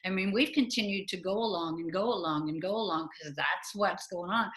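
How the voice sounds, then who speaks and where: A woman's voice: on the low side, a little fast, fairly bright tone. An older woman speaking emphatically and swearing freely in a casual video call discussion, as a guest.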